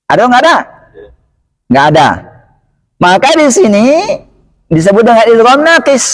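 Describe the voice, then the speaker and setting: A man with a fairly high voice teaches the rules of Quran recitation at an unhurried pace. He models each example word slowly, several times over, and checks his listeners with short questions. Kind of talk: tajwid lesson.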